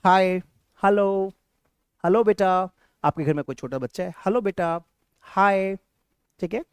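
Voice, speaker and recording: A man teaching an English-speaking lesson to a class, animated and drilling words by repetition. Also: sits high, unhurried, smooth, dry recording, studio quality.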